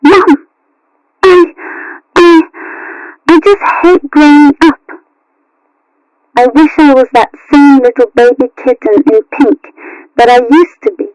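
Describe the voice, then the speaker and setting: A woman voices a teenage cartoon kitten, high-pitched and childlike with some rasp. She is sweet and wistful, and the recording is very dry. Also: fairly even intonation, slow, pauses often, a little mellow, dry recording, low-quality recording. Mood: pleading, wistful. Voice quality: raspy, childlike. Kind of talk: cartoon character acting.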